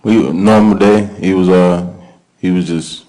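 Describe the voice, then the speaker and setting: A man's voice: low-pitched, fairly even intonation, measured pace, warm tone. A young man testifying as a witness in a courtroom recording, giving terse, polite answers.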